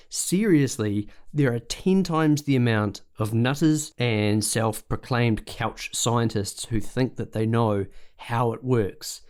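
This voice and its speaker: A man hosting a solo podcast, chatty and jokey, slowing down to stress his points. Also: mid-range voice, darkish tone. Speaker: podcast host.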